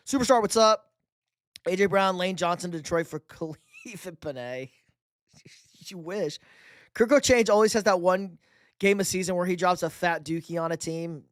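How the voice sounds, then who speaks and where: High and fairly bright, this young man's voice comes through a dry, clean studio recording. He's from New York and hosts a live sports stream, reading chat questions and bantering loosely with casual profanity.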